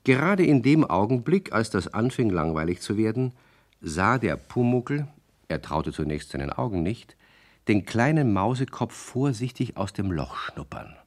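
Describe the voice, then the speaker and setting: A man reading the narration of a children's radio story in a lively storytelling manner. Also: lowish voice, normal speed.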